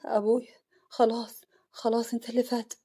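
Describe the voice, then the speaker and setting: A woman doing a wronged young wife, husky. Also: on the high side, level tone, fast talker, dark tone, pitched above the performer's own voice. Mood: choked, tearful. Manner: choked, then cold and mocking.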